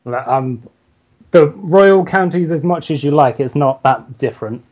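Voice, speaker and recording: A young man from London with a London accent, a comics writer chatting as a guest, hesitant and laid-back with many pauses. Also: fairly high pitch, darkish tone, lo-fi sound. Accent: London English. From London, England. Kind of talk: casual chat.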